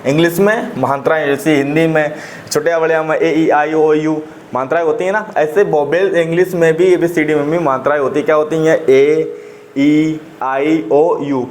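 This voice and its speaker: A man's voice: on the high side, normal speed, a little hiss or hum. A man teaching English pronunciation step by step, constantly asking the class questions and repeating the answers.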